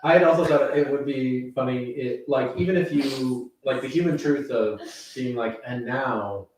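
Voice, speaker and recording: A man in a writers' room gives his notes haltingly, restarting his phrases as he works out the joke. He is heard from a distance. The very echoey room and a faint background hiss come through. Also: medium pitch, darkish tone. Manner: hesitant, stop-start, many restarts. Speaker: comedy writer.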